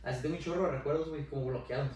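A man's voice: fairly high pitch, fairly even intonation, rapid-fire, darkish tone, a little hiss or hum. Young man, echoey distant mic. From Mexico. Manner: slangy, laid-back storytelling. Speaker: podcast co-host. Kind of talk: casual chat.

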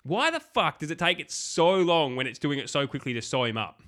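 A man co-hosting a casual film podcast, animated and swearing freely as he picks apart scenes. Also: fairly high pitch, a little fast. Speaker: podcast co-host.

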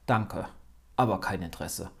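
A man reading the part of a heartbroken young man who snaps and sulks, in a low gravelly voice. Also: normal speed, a bit bright. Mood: sulky. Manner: sulky, snapping. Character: young man, angry and withdrawn after heartbreak.

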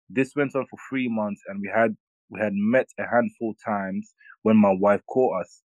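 A young man with a London roadman accent, talking in a slangy, animated way as a podcast co-host in casual banter and storytelling. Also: on the low side, no echo, poor audio. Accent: London, urban roadman slang.

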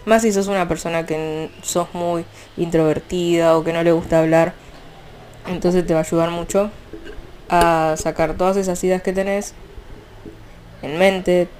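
A young woman with an Argentine accent, chatting casually about fanfiction in a rambling, animated way. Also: lowish voice, a little slow, a little hiss or hum. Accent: Argentine Spanish. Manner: chatty, rambling, frequent restarts and fillers. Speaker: fanfiction vlogger. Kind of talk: casual chat.

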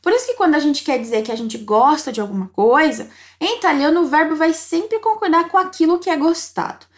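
A woman with a high voice leads an Italian lesson. She explains each phrase patiently and says the model sentences slowly so the learner can repeat them. She praises every attempt with a cheerful word. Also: expressive. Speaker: Italian teacher. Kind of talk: language lesson narration.

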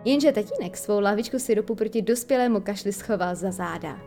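A woman narrating a children's story in an expressive, lively storytelling manner. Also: mid-range voice, faint music behind. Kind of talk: audiobook reading of a children's story.

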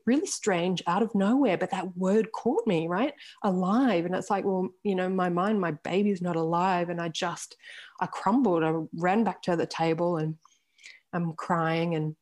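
A woman in her forties tells her own story on a podcast, frank and open, laughing now and then and swearing a little. Her voice sits a bit low for a woman. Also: darkish tone. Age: 40s. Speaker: podcast guest. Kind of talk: candid personal storytelling.

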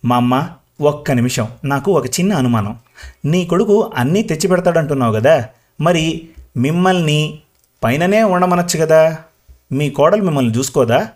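A man's voice: on the high side, lively intonation, moderate pace, long pauses, lightly acted. A man voicing a curious young woman asking eager questions in a storybook reading.

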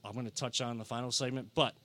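Bright-voiced man hosting sports talk. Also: medium pitch, rapid-fire. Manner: energetic, repeats himself. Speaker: podcast host.

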